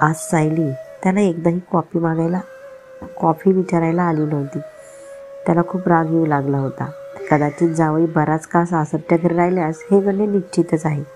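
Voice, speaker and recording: A woman tells a family story in a calm, steady storyteller's voice. Her pitch sits on the low side, and soft music runs faintly behind her. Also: rough recording. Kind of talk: story narration.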